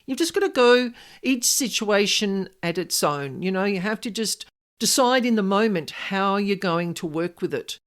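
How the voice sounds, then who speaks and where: Speaking at a moderate pace with medium pitch and lively intonation, the paranormal-specialist podcast host shares personal stories and advice. Her monologue is casual and emphatic, leaning on repeated key words for emphasis.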